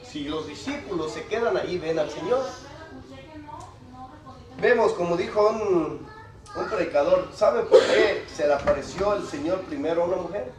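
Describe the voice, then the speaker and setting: A man's voice: high-pitched, normal speed. A man preaching a sermon, explaining scripture conversationally and reading Bible passages aloud to the congregation. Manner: reads Bible passages aloud with rising emphasis. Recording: echoey hall from far off with congregation noise.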